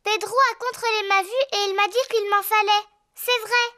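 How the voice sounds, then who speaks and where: A woman's voice: extremely high pitch, fairly even intonation, normal speed, sharp tone, no echo, clean studio sound. A woman voicing a cheerful, inquisitive little girl pig in a French-dubbed preschool cartoon. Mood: curious, earnest. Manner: inquisitive, childlike. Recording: music behind the voice.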